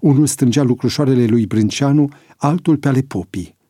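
A man narrating a prison story as an audiobook in a measured, dramatic manner. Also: mid-range voice, warm tone, no room sound, studio quality.

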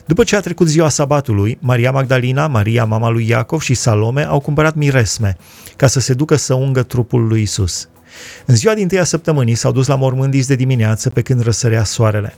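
A man reading Bible passages aloud and explaining them in a measured way, citing chapter and verse. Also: medium pitch, creaky, darkish tone. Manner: measured reading with scripture references. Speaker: Bible teacher.

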